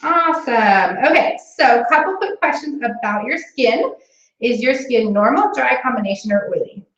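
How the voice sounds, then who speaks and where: A bubbly, high-pitched saleswoman rings up a prize winner, all sparkle and eagerness, as a woman demonstrates it. Her bright pitch bounces around an echoey room, and the sound is slightly dull. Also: lively intonation, moderate pace, distant mic. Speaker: sales consultant on a demo phone call.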